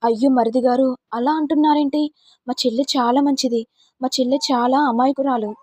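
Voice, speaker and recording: A woman's voice: sits high, steady tone, brisk, darkish tone, no echo. A woman voicing a scheming sister-in-law in a story, talking in a falsely sweet, innocent way.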